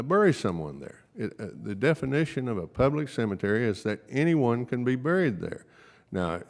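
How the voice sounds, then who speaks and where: A man speaking as a county official at a public meeting, firm, emphatic and legalistic, repeating his points. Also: lowish voice. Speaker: county official, attorney for the court. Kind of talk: formal remarks at a public meeting. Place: large public meeting room. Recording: echoey meeting hall.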